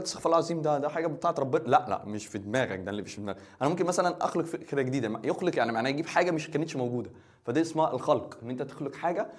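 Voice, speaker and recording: A man teaching English in Egyptian Arabic, joking as he translates and quizzes the student. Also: fairly high pitch. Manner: quick, joking, asks the student questions. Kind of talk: playful exam-review lesson.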